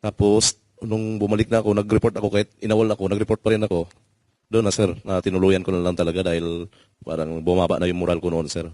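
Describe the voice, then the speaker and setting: Male ex-marine, very low voice, earnest statement, dry. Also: monotone, fast, warm tone, dry recording. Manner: earnest, says "sir" often. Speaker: former marine. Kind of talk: statement in an interview.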